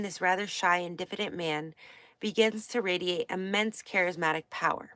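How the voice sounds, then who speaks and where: A woman's voice: medium pitch, fairly bright tone, no room sound. A woman with a slight Pacific Northwest accent, giving a casual astrology lesson, reading from a book and commenting in a meandering way with fillers and self-corrections. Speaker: astrology teacher.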